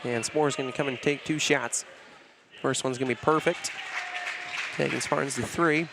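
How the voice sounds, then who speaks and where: A man calling live basketball play-by-play in a brisk, steady way, leaning on "it's gonna be" over and over. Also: mid-range voice, gravelly, a crowd in the background. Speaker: play-by-play announcer. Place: school gymnasium during a game. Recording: loud gym noise with bouncing balls.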